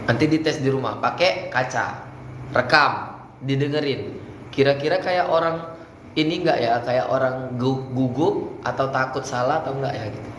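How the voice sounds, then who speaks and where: A man's voice: medium pitch, moderate pace, a bit bright. A man coaching students for an Islamic speech contest in a casual manner, now and then chanting Arabic phrases to demonstrate. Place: indoor room at an Islamic boarding school. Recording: echoey room, faint background noise.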